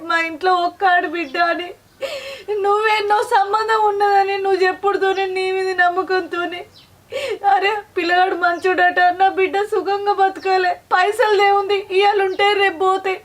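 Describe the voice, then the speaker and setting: A woman's voice: extremely high pitch, fairly bright tone. A woman with a Telangana accent playing a wronged young wife who pleads through tears, recorded from a distant mic. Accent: Telangana Telugu. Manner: tearful, pleading. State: crying. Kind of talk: short film drama acting.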